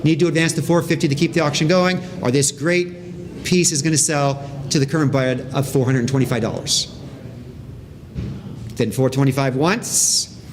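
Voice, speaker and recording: A man's voice: on the high side, slight background noise. A man working as an auctioneer, calling bids in a live auction with repeating patter.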